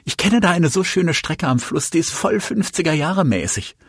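A man reading an audiobook, voicing an uncertain, pleading woman in a raised, husky voice. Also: a little high, expressive, normal speed, dry recording, clean studio sound, pitched above the performer's own voice. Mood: coaxing.

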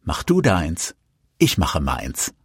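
A man's voice: very deep voice, wildly swooping pitch, takes it slowly, slightly rough, no echo, clean studio sound, pitched below the performer's own voice, full character voice. A man reading an audiobook, voicing an evasive, guarded young man who speaks curtly and dismissively.

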